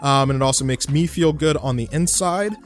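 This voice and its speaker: A man's voice: mid-range voice, fairly quick. Chatty man hosting a solo podcast. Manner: loose and chatty, many fillers and restarts. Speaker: podcast host. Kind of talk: casual solo podcast talk.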